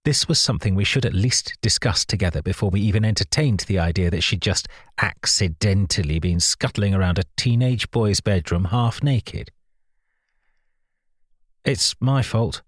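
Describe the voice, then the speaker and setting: A man narrating a suspenseful novel with a low, husky voice. His read is measured and tense, recorded close and dry with no room sound. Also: no room sound. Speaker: audiobook narrator. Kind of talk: first-person thriller narration.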